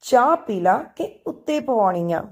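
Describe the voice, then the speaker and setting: A woman's voice: medium pitch, sing-song, a little slow. A woman voicing a young woman upset about her arranged match, tearful one moment and teasing her friend the next, in a told storybook.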